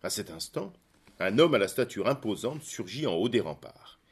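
Male storyteller, scripted narration, calm expressive reading, lowish voice. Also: moderate pace, husky.

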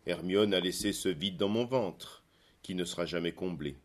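A man's voice: deep voice, normal speed, lightly acted. Man voicing Helen, weary murmuring woman. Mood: sorrowful.

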